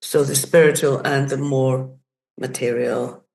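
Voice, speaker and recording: This podcast guest, an Icelandic community facilitator in her sixties, has an extremely low, creaky, mellow voice with fairly even intonation and an unhurried pace, captured on a rough recording. She thoughtfully tells her life story, searching for words and restarting along the way.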